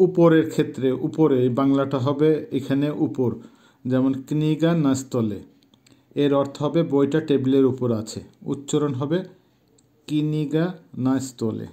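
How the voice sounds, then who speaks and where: Man, middle-aged, language teacher, mellow warm tone, halting and patient, repeats words slowly. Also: medium pitch. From Bangladesh. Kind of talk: spoken language lesson.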